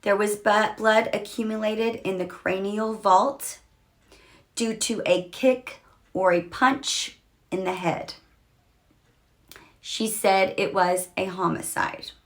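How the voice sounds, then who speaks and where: Woman, true crime host, casual talk, slow delivery, lots of ums and restarts. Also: mid-range voice, fairly even intonation. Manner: slow, conversational, many fillers and restarts.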